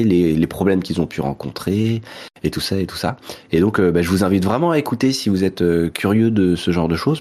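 A man with a low voice talks through a recommendation in relaxed podcast chat. He hesitates often, filling gaps with "euh" and trailing lists of "et cetera". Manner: hesitant, many fillers and repeated "et cetera". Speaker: podcast co-host.

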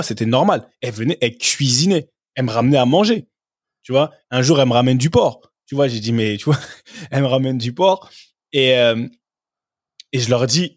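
A man's voice: mid-range voice, dry recording. Guy telling football stories on a podcast, keeps saying tu vois, dry close sound. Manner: anecdotal, keeps adding "tu vois". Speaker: guest, former professional footballer. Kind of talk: casual podcast chat, storytelling.

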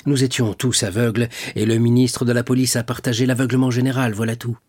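A man reading an audiobook, voicing an anxious male duke and courtier who speaks in an urgent, hushed way. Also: mid-range voice, flat delivery, a little fast, no echo, clean studio sound, lightly acted. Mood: pleading.

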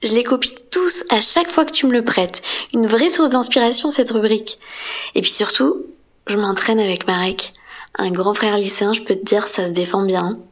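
A woman's voice: mid-range voice, moderate pace, fairly bright tone, natural voice. An actress voicing a witty, confident schoolgirl who confides a secret trick to her friends in an audio drama. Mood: confiding. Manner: confiding, sly.

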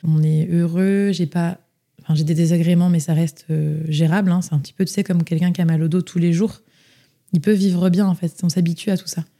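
A woman's voice: fairly low pitch, steady tone, brisk, dark tone. A young woman from France telling her personal story as an interview guest, chatty, with many fillers and restarts. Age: young adult.

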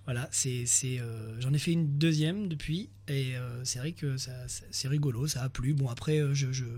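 A man's voice: mid-range voice, moderate pace, darkish tone. A man chatting as a radio guest about his ukulele videos, with many fillers and restarts. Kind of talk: radio chat.

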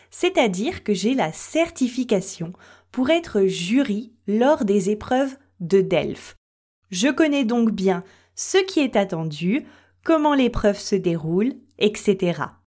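Slow, lively French teacher woman. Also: fairly high pitch. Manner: addresses listeners directly with questions and examples. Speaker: French teacher and podcast host. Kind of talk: slow, clear podcast lesson for French learners.

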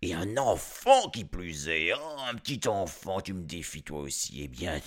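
A man's voice: deep voice, big pitch swings, normal speed, fairly bright tone, husky, voice pushed down, full character voice. A man voicing a blustering one-eyed giant in a told fairy tale. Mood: threatening. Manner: blustering threats, shrieking when beaten.

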